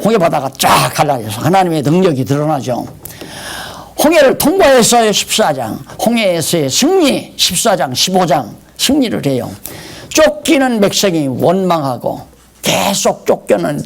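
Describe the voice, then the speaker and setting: Older male pastor, Bible lecture sermon; slightly high, very lively delivery with acted-out complaints. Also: creaky. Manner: animated, acts out complaints to God in a raised voice.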